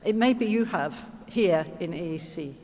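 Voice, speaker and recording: At a stage microphone in a large conference hall, a conference speaker answers audience questions reflectively and explanatorily, using rhetorical questions and checking in with listeners. The voice is medium-pitched and mellow, with lively intonation at a normal pace. The PA microphone sound is reverberant, with slight background noise.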